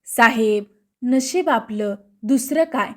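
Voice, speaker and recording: Woman reading as a soft-spoken robbed husband. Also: on the high side, takes it slowly. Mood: resigned. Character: middle-aged man, robbed neighbor, complaining.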